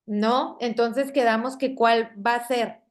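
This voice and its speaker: A woman teacher with a Mexican Spanish accent, explaining a classroom lesson slowly and patiently, checking in with her students after nearly every sentence. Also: a little high, fairly even intonation, a little hiss or hum. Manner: slow, patient, checks in with "¿ok?" constantly. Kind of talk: classroom lesson on spelling and stress. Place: classroom with projector screen.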